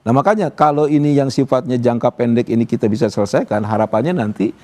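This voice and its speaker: A man's voice: medium pitch, quick pace, a little mellow. A man appearing as an activist guest on a TV talk show, speaking in a casual, talkative way with lots of fillers. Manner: casual and talkative, many fillers like "gitu" and "apa namanya". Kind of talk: live TV talk show discussion. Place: TV studio.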